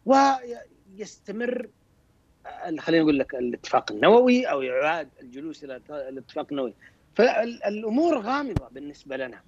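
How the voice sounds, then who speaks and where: A man giving military commentary on a talk show, hesitant with many restarts and throat clearing. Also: on the high side, sing-song, quick pace, darkish tone, dry recording. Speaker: military expert guest. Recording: dull dry remote link.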